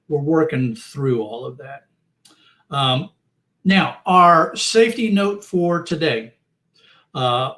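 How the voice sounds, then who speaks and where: A man's voice: a little high, fairly bright tone. A middle-aged man hosting a casual livestream chat, rambling and friendly, with many fillers and restarts. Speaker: host.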